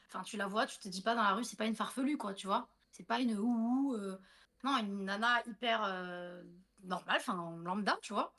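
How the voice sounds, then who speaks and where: A woman's voice: medium pitch, fairly bright tone. A woman in her thirties, a guest telling a personal story in a casual livestream chat, full of fillers and restarts, often speaking directly to her listener.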